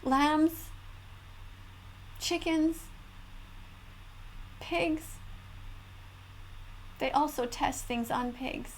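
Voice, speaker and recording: High-pitched woman, earnest emphatic commentary. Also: very slow, pauses often, slight background noise, low-quality recording. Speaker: video creator, animal rights advocate. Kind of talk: spoken reaction commentary.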